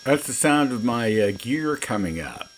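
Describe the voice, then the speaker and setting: A man's voice: medium pitch, big pitch swings, normal speed, slight background noise. A man who is a pilot, narrating his flying video in a casual, informal way.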